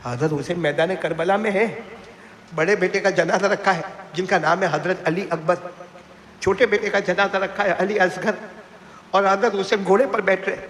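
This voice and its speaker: A man preaching an impassioned sermon at a live gathering, prompting the seated crowd to call back praise and swinging between soft pleading and high cries. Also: steady tone, slight background noise. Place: religious gathering before a seated audience. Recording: echoey hall with long reverb, faint ambience.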